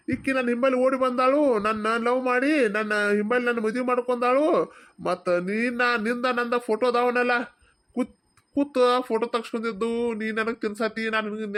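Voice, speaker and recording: A woman's voice: fairly high pitch, close to an everyday voice. A woman with a Belagavi Kannada accent voicing a stubborn young husband who sides with his mother, in a cartoon comedy. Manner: brusque, dismissive, rapid.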